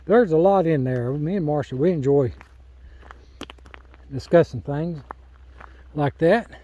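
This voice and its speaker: A man's voice: fairly high pitch, a little slow, mellow, dull audio, slight background noise. An older man chatting in a rambling, folksy way while walking a rural hillside, then reading scripture aloud, recorded on a handheld phone. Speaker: lay Bible teacher.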